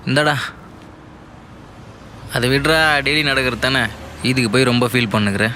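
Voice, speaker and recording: A man's voice: mid-range voice, normal speed, bright, forceful tone, slight background noise. A man playing a flippant, teasing friend in a comic short film.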